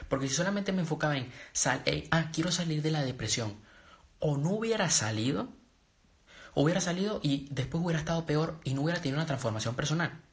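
This young man's voice is fairly high, animated, and quick. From Venezuela, he coaches people in trading and personal development, and in a casual live stream he gives viewers a sincere, rambling motivational talk riddled with restarts and filler words.

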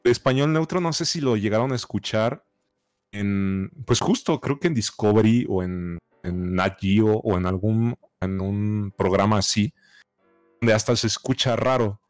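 A man's voice: lowish voice, measured pace, dry recording, clean studio sound, faint music behind. A young Mexican man in casual chat, arguing his point step by step. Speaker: podcast co-host.

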